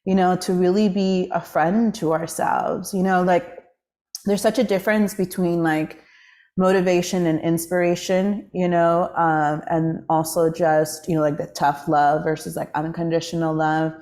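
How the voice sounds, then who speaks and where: A woman hosting a casual personal talk, speaking softly and reflectively with many fillers and restarts, a little emotional and off. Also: fairly low pitch, steady tone, normal speed. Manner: soft, reflective, with many fillers and self-corrections. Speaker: podcast host. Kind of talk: casual personal vlog monologue. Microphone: camera.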